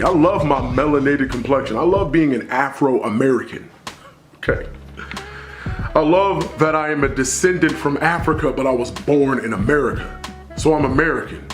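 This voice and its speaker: A man's voice: medium pitch, expressive, normal speed, roomy sound, soft background music. A man giving an emphatic, preachy opinion monologue, repeating phrases for stress. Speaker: commentary vlogger.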